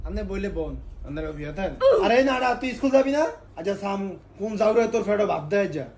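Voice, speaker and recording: A man, acting in a comic sketch and talking in a loud, pleading way, often laughing. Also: high voice, lively intonation, quick pace. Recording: noisy background.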